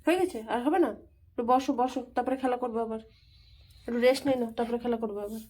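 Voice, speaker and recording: A woman's voice: a little high, fairly even intonation, very fast, darkish tone, slightly rough, low-quality recording. A woman at home filming on her phone as she coaxes her pet dog in fond baby talk. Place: home indoors. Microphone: handheld phone camera.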